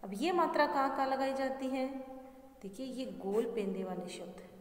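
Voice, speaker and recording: A woman with a fairly high voice teaches young children in a patient, step-by-step way. She repeats each word slowly and keeps asking the class questions. The recording sounds roomy, with a long reverb trailing after her words. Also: animated. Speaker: primary school Hindi teacher. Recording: echoey room with long reverb.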